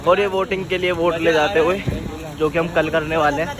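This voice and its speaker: A man's voice: fairly high pitch, steady tone, a little fast. A young man chatting casually and teasing a friend while vlogging on a phone outdoors. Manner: joking, teasing banter with a friend. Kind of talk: casual travel vlog chat. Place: outdoors on a riverside and hill trail. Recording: outdoor crowd and traffic behind.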